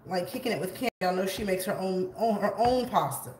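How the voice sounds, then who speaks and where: This cooking livestream host, a woman in her forties, has a mid-range, somewhat dark voice and talks in a brisk, animated way. Cooking in a large home kitchen, she greets viewers by name and chats casually while moving around, away from the tripod-mounted camera picking her up. Faint room noise and echo fill the space.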